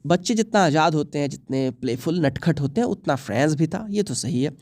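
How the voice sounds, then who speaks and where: A young man with an Indian English accent walks students through exam questions, mixing English terms into his Hindi. His voice is mellow and his recording sounds dry and close. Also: on the high side, lively intonation, fairly quick, dry recording. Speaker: English teacher. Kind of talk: exam prep lesson.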